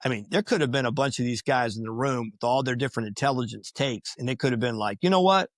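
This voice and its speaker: A man talking casually on a podcast, telling stories in a lively way and acting out what people said. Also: mid-range voice, quick pace, no echo, clean studio sound. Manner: animated, acts out quoted voices.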